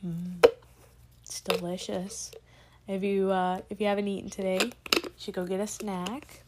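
A woman's voice: mid-range voice, level tone, unhurried, heavy background noise. A woman in her late teens talking alone on her podcast, chatty and scattered, full of fillers and side tangents. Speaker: solo podcaster. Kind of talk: rambling casual podcast monologue.

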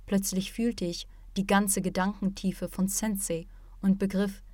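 A woman narrates an audiobook in an even, reflective first-person voice. Her pitch sits in a middling range. The recording is dry and close, with no room around it. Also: a little slow, dry recording. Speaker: audiobook reader.

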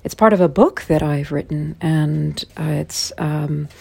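A woman in her forties hosting a listening series, musing in an unhurried way with small self-corrections. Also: sits low, gravelly, darkish tone, breathy edge, no room sound. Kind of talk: unscripted spoken introduction. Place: indoors in Toronto.

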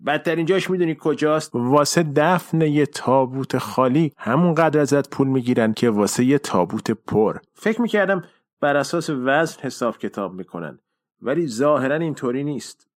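A man's voice: mid-range voice, expressive, no room sound, natural voice. A blunt, stingy father who shrugs things off with dry sarcasm, as a man reads him. He speaks in an ordinary mid-range voice with an offhand, wry manner. It is plain audiobook dialogue. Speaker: voice actor.

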